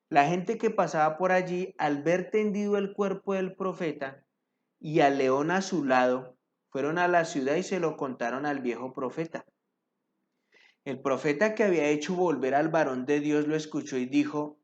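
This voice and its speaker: Man, devotional preacher, fairly high voice, reads verses then explains, muffled lo-fi recording. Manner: reads verses aloud, then explains them directly to listeners. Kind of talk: scripture reading with sermon commentary. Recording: dull lo-fi recording.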